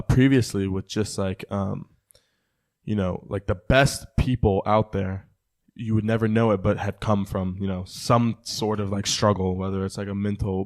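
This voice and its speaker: A man's voice: fairly low pitch, little pitch movement, normal speed, creaky, darkish tone. A man co-hosting a podcast, talking casually and using lots of fillers. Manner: chatty, heavy on like and you know. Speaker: podcast co-host.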